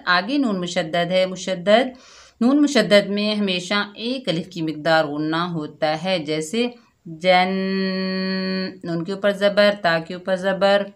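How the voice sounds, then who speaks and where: A woman with a fairly low voice teaches Quran recitation word by word, patient and explanatory. She slows down to draw out each recited word and often adds a checking "theek hai." It's a slow, word-by-word recitation lesson.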